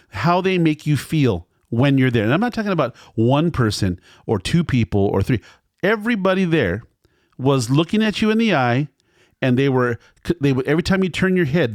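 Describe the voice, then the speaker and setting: A man's voice: medium pitch, dry recording. Rambling, chatty man talking close and dry. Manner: rambling, repeats himself, acts out what staff said. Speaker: restaurant reviewer. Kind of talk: casual recounting of a meal.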